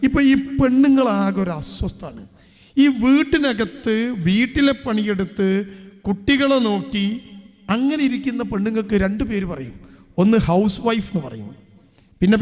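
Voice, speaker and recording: High-voiced preacher in a reverberant hall. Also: male voice. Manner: preachy, full of rhetorical questions to the crowd. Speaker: Islamic preacher. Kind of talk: public religious speech.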